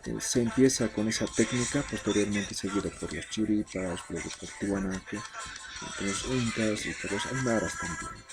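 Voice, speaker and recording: A man's voice: moderate pace, music in the background, poor audio. A man from Bolivia teaching an Aymara vocabulary lesson, patiently saying each word, often checking in with "¿no?" and "¿ya?". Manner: says Aymara words louder and higher, then the Spanish meaning.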